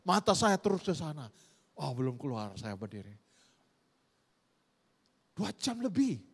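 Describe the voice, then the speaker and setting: Male Malaysian pastor, lively sermon delivery, long church reverb. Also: fairly high pitch, unhurried, slightly rough. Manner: animated preaching with sudden loud shouted rises; often addresses listeners as "saudara".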